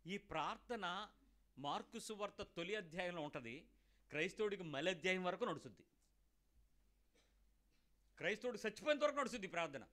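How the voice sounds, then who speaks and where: A middle-aged preacher with a high, bright, ringing voice. He drives his sermon with emphatic rhetorical questions, one after another. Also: lively intonation, fairly quick, pauses often. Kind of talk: Telugu sermon.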